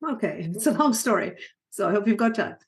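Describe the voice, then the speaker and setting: A middle-aged woman from Sri Lanka, a psychiatrist guest on an interview, talking warmly with frequent laughs and restarts. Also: medium pitch, animated, brisk. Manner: warm, laughing, many restarts. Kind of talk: conversational interview.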